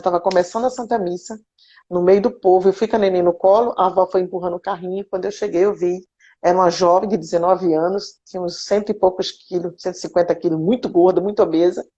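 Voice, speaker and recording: A woman from Brazil with a Brazilian Portuguese accent, giving an animated personal testimony with frequent restarts. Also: lowish voice, fast talker. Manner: animated storytelling, frequent restarts and repeated words. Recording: dull lo-fi recording.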